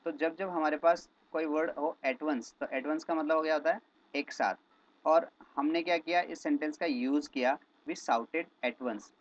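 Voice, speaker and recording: A man teaching spoken English in Hindi, explaining phrases and slowly repeating example sentences. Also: fairly high pitch, dull audio.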